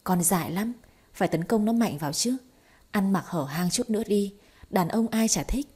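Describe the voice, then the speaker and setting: A woman's voice: mid-range voice, expressive, normal speed, a little mellow, slightly rough. A woman voicing a blunt older mother who coaxes and encourages a young woman. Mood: coaxing.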